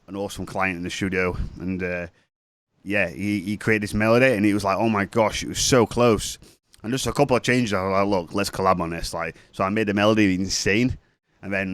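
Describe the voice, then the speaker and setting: With a deep, somewhat bright voice and no room sound around it, a sniffly man with a cold rambles through a relaxed screen-share music production tutorial at his computer. He's chatty and keeps correcting himself.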